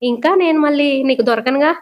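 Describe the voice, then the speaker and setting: Enraged young woman yelling threats, narrator reads it, higher pitch. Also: a little fast, lightly acted. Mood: angry. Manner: shouting, threatening. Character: angry tied-up young woman, cheated.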